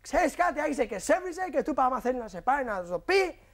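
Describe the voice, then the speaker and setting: High-voiced man, combative and swearing. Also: big pitch swings. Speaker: guest in a couples dispute. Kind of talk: heated studio argument.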